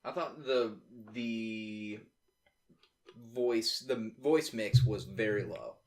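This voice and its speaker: A man with a rough, gravelly voice talks about films in easygoing podcast banter. He teases his friends and sometimes stumbles over his words. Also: fairly low pitch, drawn-out words. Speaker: podcast co-host. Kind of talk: casual movie review chat.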